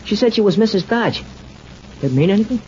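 An actor playing a cheeky, grumbling young sidekick to a detective in an old-time radio drama. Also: male voice, sits high, animated, quick pace, a little mellow. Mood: teasing, eager. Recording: dull, noisy old radio recording.

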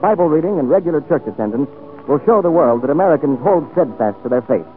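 Lively 1940s radio announcer man. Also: on the high side. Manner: formal, measured announcer delivery. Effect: old radio broadcast sound. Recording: tinny old radio broadcast, faint music.

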